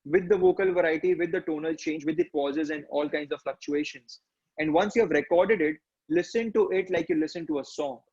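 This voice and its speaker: Fast-talking Indian man coaching speakers. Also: on the high side, a little mellow, husky, dull audio. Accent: Indian English. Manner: instructive, fast, frequent tag questions. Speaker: public speaking trainer. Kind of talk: online training talk.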